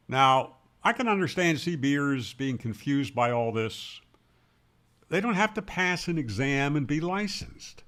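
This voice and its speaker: Fairly high and somewhat bright, the man's voice carries a ham radio lesson. He presents didactically and with emphasis, asking questions before answering them.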